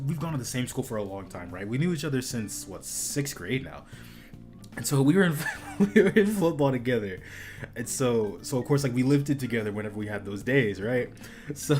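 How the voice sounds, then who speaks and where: A young man streaming a video game, chatting casually and rambling, laughing often and saying dude and like a lot. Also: mid-range voice. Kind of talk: casual gaming stream chat.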